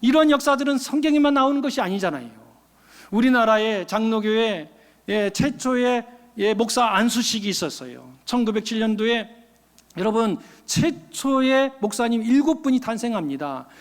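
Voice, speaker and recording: A man's voice: extremely high pitch, expressive, normal speed, in a large hall. A male pastor preaching a storytelling sermon, asking the congregation questions and answering them himself. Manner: storytelling sermon, acting out quoted voices. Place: church sanctuary.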